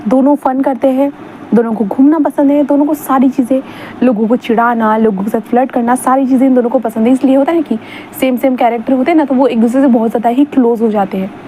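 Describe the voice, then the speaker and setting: A woman's voice: high-pitched, fairly even intonation, fast, warm tone. Chatty woman narrating fan fiction. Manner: chatty, repeats filler words. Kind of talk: casual storytelling. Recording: dull lo-fi sound, faint hum.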